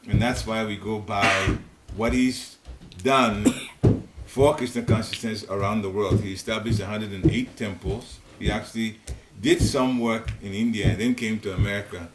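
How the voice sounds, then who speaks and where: An older man from Ghana, speaking with a Ghanaian accent in a fairly low, steady voice at a moderate pace, leads a devotional class in the living room of a private home. His informal spiritual teaching is chatty and rambling, with chuckling asides. Seated, he is picked up by a distant room recorder, and the result is roomy with faint hiss.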